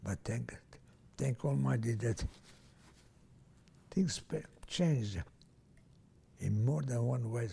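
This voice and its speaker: Pausing often and taking it slowly, an older Transylvanian man from Romania, a native Hungarian speaker, recounts his life in an oral history interview. His mid-range voice has a dark tone, gravelly and husky, and he hesitates with many restarts.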